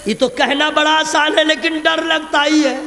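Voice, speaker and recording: A man preaching a fiery sermon to a crowd, swinging from quiet talk to loud shouting and calling on the listeners to respond. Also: very high voice, fairly even intonation, normal speed, gravelly, soft background music. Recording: long reverb from a big echoey venue.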